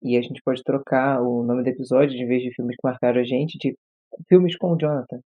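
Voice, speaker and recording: A man's voice: mid-range voice, steady tone, fairly quick, narrow, tinny audio. A man co-hosting a podcast who teases his partner in casual banter. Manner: teasing. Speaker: podcast co-host.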